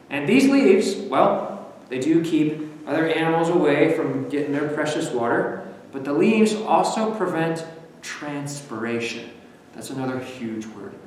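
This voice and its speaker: A young man from the western US leads a nature lesson for children, asking them questions in an animated, encouraging way. His voice sits a little high. He sounds far from the mic, with a long, roomy reverb and a faint background hiss. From western United States. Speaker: nature center educator. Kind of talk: virtual field trip lesson for kids. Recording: echoey, distant, long reverb.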